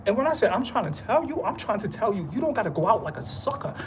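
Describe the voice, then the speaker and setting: Talking straight to the camera, a male vlogger gives a rambling, emphatic pep talk in casual street slang, hammering the same lines over and over. He talks fast in a sing-song voice that swoops high and low, with a thin hiss of background noise underneath.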